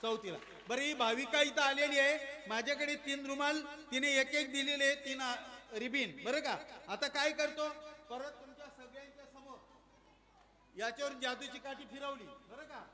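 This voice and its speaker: A man performing a magic show for children, coaxing and quizzing his young audience in a playful, lively way. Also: extremely high pitch, moderate pace. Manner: playful, coaxing, asks the crowd questions. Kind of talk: lively stage patter with audience.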